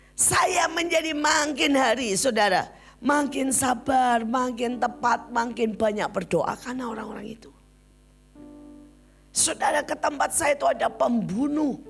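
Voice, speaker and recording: This woman preacher, whose voice is fairly high with vocal fry, delivers a sermon packed with personal stories. She keeps calling her listeners "saudara," brothers and sisters, and livelily acts out the people she quotes.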